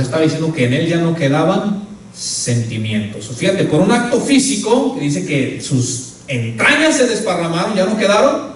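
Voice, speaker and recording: In a church, a male pastor preaches emphatically, often calling out "hermano" to his congregation. His voice is fairly high, recorded from a distance in an echoey hall with a little hiss or hum.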